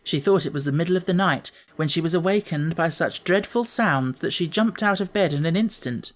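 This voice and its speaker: Reading from a script at a slightly fast clip, an audiobook narrator tells a children's story expressively. Her voice sits a little on the low side.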